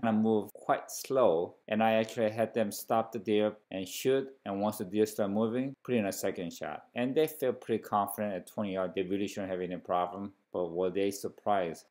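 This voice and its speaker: A man's voice: on the low side, darkish tone. A man working as a hunting instructor, narrating an explanatory recap of his class.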